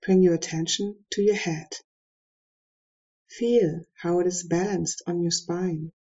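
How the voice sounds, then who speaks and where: A woman leading a guided meditation, giving soft, calm instructions with long pauses. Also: on the low side, husky, highs cut off.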